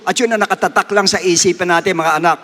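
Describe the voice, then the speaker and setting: A man's voice: fairly even intonation, quick pace, bright, forceful tone. A man, a pastor, preaching a sermon with emotion, pushing his voice up for emphasis. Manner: emotional, rising to emphatic high pitch. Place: church worship service. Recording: long echo of a church hall.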